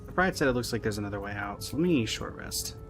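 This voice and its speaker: A man with a fairly low voice and lively intonation talks fast, offering casual, dry, wry commentary while streaming a video game. Video game music plays behind his voice.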